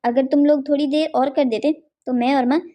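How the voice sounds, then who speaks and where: An easygoing young cartoon husband, voiced by a woman chats lightly with his family in a high, mellow voice. He teases in a relaxed tone. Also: brisk, close to an everyday voice.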